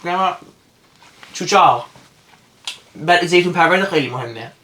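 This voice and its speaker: A young man chatting through a mukbang in Persian with an English accent, his tone bright and forceful and sitting a little high. He teases his brother and slides into English mid-sentence. The room sounds echoey, with a faint hiss underneath. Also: expressive. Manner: teasing, switching between Persian and English. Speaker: co-host of a food vlog. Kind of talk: casual mukbang chat.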